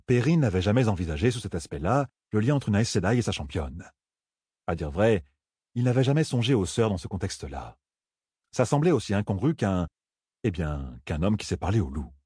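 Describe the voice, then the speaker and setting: A man narrating a fantasy novel in a measured storytelling manner. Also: fairly low pitch, sing-song, a little mellow, slightly rough, no echo. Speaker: audiobook narrator. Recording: dry close studio sound.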